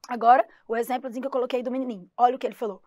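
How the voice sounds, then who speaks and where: A woman English teacher from Brazil giving a lively exam-prep lesson, stressing English words slowly and clearly. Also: a little high, dry recording, lo-fi sound.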